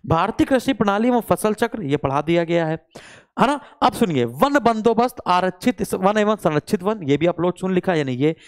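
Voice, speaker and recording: A man's voice: sits high, lively intonation, normal speed, clear, resonant tone. A young man, a coaching teacher walking students through a course syllabus and scolding those who complain.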